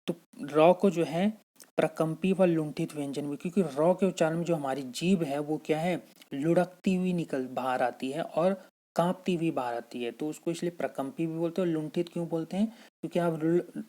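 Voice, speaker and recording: A man teaching a grammar lesson in a mellow, warm voice. He works through each point step by step, poses questions and answers them himself, and slowly sounds out each letter and example word. He keeps checking in with short tag questions. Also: a little high. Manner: explains step by step, asks and answers his own questions. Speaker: school teacher.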